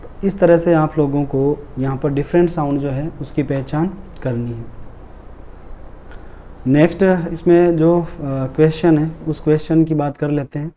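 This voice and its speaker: Bright-voiced man explaining step by step. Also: on the high side, moderate pace. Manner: explains step by step, repeats words for emphasis. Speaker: English teacher. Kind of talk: classroom lesson explaining a test paper.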